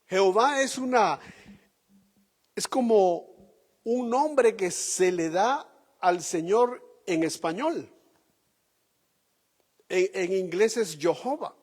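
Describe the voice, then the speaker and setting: A man preaching a sermon as pastor, slow and emphatic, asking the congregation rhetorical questions. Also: sits high, lively intonation, a little mellow, big-room sound.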